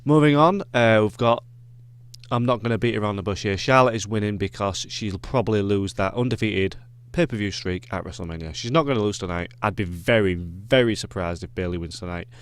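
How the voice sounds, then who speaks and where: A man's voice: fairly low pitch, brisk, smooth. A man with a Yorkshire accent giving casual wrestling predictions, rambling with lots of ums and self-corrections. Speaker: wrestling reviewer.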